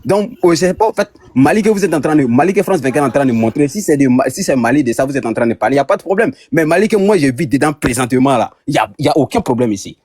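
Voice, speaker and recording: An Ivorian man arguing in a heated online debate, hesitant with many restarts, turning loud when pushed. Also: mid-range voice, animated, racing, few pauses, slightly rough, dry recording. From Côte d'Ivoire.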